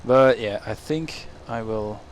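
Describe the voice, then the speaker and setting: Over farming game footage, a young Dutch-accented man with a mid-range voice speaks slowly, rambling and self-correcting with an occasional chuckle. He's a gaming YouTuber doing casual gameplay commentary, with game engine noise, farm machinery, and ambient game sounds behind him.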